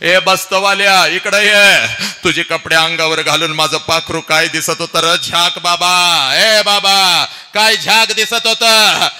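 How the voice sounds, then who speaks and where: A man voicing a proud father of the bride who shouts cheerfully at his guests. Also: high-pitched, fairly even intonation, takes it slowly, few pauses, big-room sound, faint music behind, full character voice. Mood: generous. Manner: loud, shouting orders to guests.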